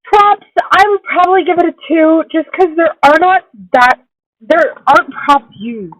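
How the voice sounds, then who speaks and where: High-voiced woman, casual podcast co-host. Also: lively intonation, unhurried, a bit bright, no echo. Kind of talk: casual chat review. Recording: dull lo-fi makeshift recording.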